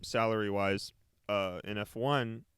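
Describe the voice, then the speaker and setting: A man's voice: on the low side, steady tone, measured pace, a bit bright, smooth, dry recording. Chatty young man, dry close sound. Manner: chatty, laughs often, trails off mid-sentence. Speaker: podcast co-host. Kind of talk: casual chat.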